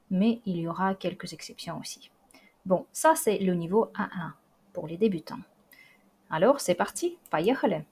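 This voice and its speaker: A woman teaching verb conjugation in a patient, deliberate way, modelling each word and then translating it. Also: mid-range voice, a little mellow, breathy edge. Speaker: Russian language teacher. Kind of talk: slow, clear language lesson with repetition drills.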